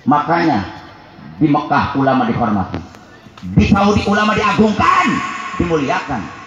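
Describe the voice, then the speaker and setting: Sundanese preacher shouting in echoey hall. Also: male voice, on the high side, sing-song, normal speed, muffled recording. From Sunda, West Java. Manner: call-and-response, swings from joking to shouted preaching. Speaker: Islamic preacher. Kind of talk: comic sermon to a live crowd. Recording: very echoey live hall with background noise.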